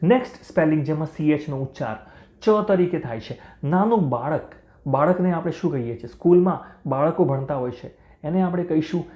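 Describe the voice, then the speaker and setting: A man teaching English pronunciation to beginners, spelling out words letter by letter and repeating each one slowly and clearly. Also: a little high, dark tone, dull audio. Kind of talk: language lesson for beginners. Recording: roomy echo.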